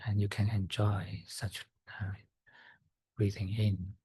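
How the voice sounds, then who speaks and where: A man softly guiding a breathing meditation, slow and soft-spoken with long pauses and fillers. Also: lowish voice, monotone, husky, no room sound. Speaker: meditation guide.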